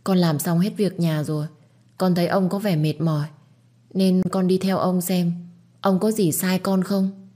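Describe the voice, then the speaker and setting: A woman's voice: on the low side, fairly even intonation, a little slow, mellow. A woman doing a sugary, scheming young girl. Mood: wheedling. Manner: sugary, wheedling.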